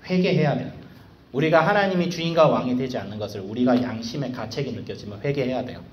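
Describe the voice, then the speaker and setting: A man serving as a school evangelist, giving a casual devotional sermon to students in a slangy, animated way full of rhetorical questions. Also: mid-range voice, fast, dull audio, slight background noise.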